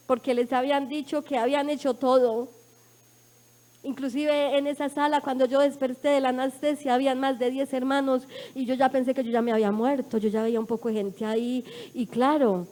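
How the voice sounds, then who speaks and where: Mujer colombiana predicando con voz aguda. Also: female voice, high-pitched. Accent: Colombian Spanish. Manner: emotional, dramatic storytelling with swings from hushed to loud. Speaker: preacher giving testimony. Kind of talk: sermon testimony. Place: church.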